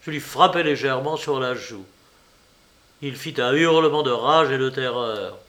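A man narrating a classic novel as an audiobook in a measured, dramatic way. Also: medium pitch, fairly bright tone.

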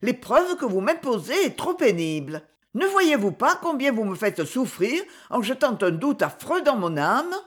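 A woman's voice: fairly high pitch, sing-song, moderate pace, breathy edge, voice pushed up. A woman voicing a betrayed, indignant young woman in a read-aloud novel, with emotional, outraged delivery. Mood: pleading. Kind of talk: audiobook character voice.

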